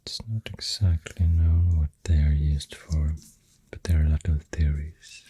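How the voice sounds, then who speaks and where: This ASMR host, soft-spoken with a Swedish accent, rambles gently through facts in a bass, flat, breathy whisper, pausing unhurriedly right up against the microphone. In the background come pencil writing and clicking sounds.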